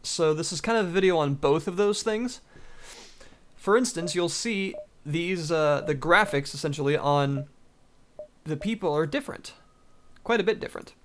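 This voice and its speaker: A man's voice: on the high side, moderate pace, a bit bright, slight background noise. A man giving casual, enthusiastic, rambling commentary while he plays a video game. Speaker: gaming video host. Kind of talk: casual let's-play commentary.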